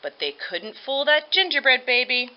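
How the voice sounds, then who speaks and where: A woman reading a children's story aloud with expressive narration. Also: high-pitched, moderate pace, slight background noise. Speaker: storybook reader. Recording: dull lo-fi audio.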